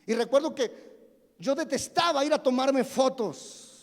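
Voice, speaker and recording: A pastor in his forties preaches in an extremely high voice at a measured pace, sharing funny stories about himself and putting questions to the congregation. The church sanctuary gives a long, hall-like reverb.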